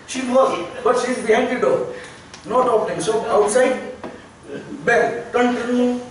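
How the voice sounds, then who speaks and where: A man's voice: very high voice, measured pace, a crowd in the background. A man teaching a therapy class, in plain with chuckling asides. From India. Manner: plain non-native English, chuckling asides. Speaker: therapy trainer. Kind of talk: classroom lecture. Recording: echoey hall, distant mic, faint noise.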